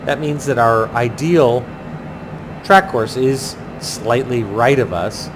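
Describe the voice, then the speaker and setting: A man giving a casual flight commentary, chatty and thinking aloud in pilot jargon. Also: slow pace. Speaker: flight simulator pilot and host. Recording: clearly noisy, steady low engine-like rumble.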